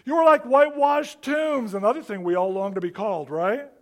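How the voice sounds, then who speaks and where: A man preaching a sermon, with quick rhetorical questions and humorous asides, dropping to a hush on key words. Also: very high voice, lively intonation. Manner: rises and falls for emphasis, drops to a hush on key words. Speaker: pastor.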